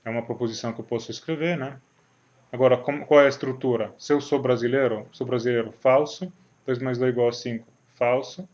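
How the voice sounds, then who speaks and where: Italian male lecturer, mid pitch, halting delivery with lots of fillers, dull lo-fi recording. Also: fairly even intonation, darkish tone. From Italy. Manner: hesitant, many fillers and restarts, checks in with "né? certo?". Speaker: university math lecturer.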